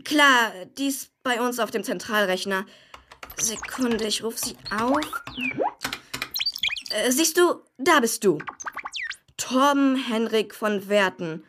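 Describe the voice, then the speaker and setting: A young performer plays a cocky, talkative boy superhero in a kids' radio play, casual and eager to explain. The mid-range voice is animated yet slow, pausing often, over a noisy background.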